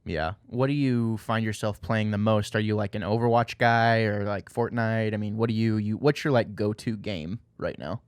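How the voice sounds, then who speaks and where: A man's voice: on the low side, moderate pace, few pauses, clear, resonant tone, dry recording, clean studio sound. A man hosting a casual gaming podcast, talking in a rambling, friendly way with lots of fillers. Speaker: podcast host.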